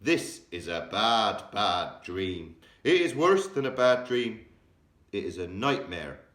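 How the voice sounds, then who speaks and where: A man voicing an excitable old male giant who mangles his grammar, invents words and bursts into loud exclamations. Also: lowish voice, takes it slowly, reverberant, heavily acted. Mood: distressed.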